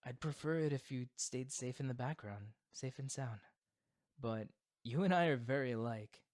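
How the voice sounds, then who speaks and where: A man voicing a proud, theatrical supervillain boyfriend who is secretly doting, in an expressive ASMR roleplay. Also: medium pitch, normal speed, lightly acted. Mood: tender, affectionate.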